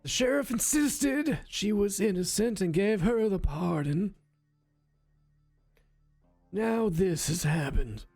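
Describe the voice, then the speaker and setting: A man's voice: high-pitched, lively intonation, slow, pauses often, darkish tone, faint music behind, pitched above the performer's own voice, full character voice. A man voicing a fussy, indignant old male banker in a Western mystery game. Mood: pompous. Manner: pompous, indignant.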